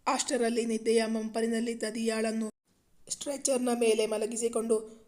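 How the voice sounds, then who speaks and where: A woman narrating a romance novel in an earnest, steady reading. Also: fairly high pitch, moderate pace. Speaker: story narrator.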